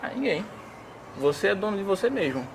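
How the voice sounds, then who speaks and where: A man, explaining his views as an interview guest in animated casual talk and acting out examples in quoted voices. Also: high voice, a little fast, a little hiss or hum.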